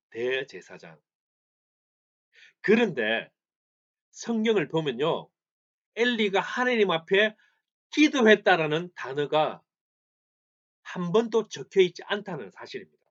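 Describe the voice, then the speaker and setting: A man's voice: on the high side, sing-song, a little slow, long pauses, fairly bright tone. A male pastor preaching a sermon in church, asking the congregation questions, answering them himself and repeating phrases for emphasis. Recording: slightly dull lo-fi recording.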